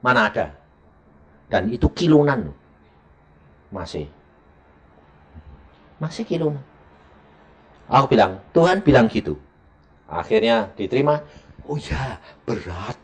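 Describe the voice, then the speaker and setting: A middle-aged male evangelist, preaching a sermon as a lively story and acting out the dialogue. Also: measured pace, long pauses, a little hiss or hum. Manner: animated, acts out dialogue with sharp pitch jumps.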